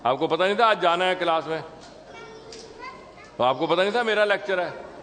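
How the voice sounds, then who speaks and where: A man's voice: high voice, lively intonation, moderate pace, fairly bright tone, in a large hall. A man giving a Sunday sermon as temple lecturer, conversational and teasing the audience with questions. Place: temple hall.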